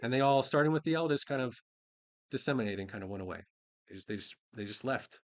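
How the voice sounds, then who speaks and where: A man's voice: mid-range voice, fast talker. Man giving an informal conversational sermon. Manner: relaxed, informal, reads scripture then paraphrases it in everyday speech. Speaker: preacher.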